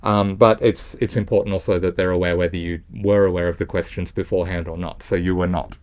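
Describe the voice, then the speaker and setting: A man's voice: low voice, flat delivery, fast talker, a little mellow. A man hosting a casual interview, asking questions with many hesitations and fillers. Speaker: interviewer, channel host.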